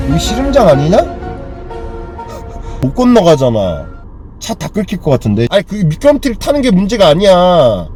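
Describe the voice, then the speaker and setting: A man's voice: high-pitched, a little mellow. A man exploring an empty school at night with friends, talking in a jumpy, nervous way and swearing often. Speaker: vlogger exploring a closed school. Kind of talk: casual night exploration vlog.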